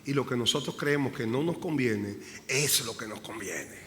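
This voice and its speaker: Impassioned pastor preaching in a reverberant church. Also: male voice, mid-range voice, normal speed. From Dominican Republic. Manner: passionate preaching, swinging from hushed prayer to loud emphasis; repeats phrases for emphasis. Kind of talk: sermon. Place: church sanctuary. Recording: live church recording with long reverb and faint room noise.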